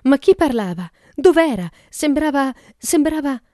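A woman doing a shrill panicked young woman. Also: animated, unhurried, dark tone, no room sound, clean studio sound. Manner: frantic, cries out in short bursts.

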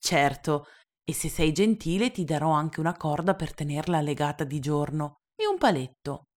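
A woman's voice: low-pitched, very animated, normal speed. A woman reading aloud and voicing a proud grown man, a stranded pilot, with plain, matter-of-fact replies. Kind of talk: storybook reading.

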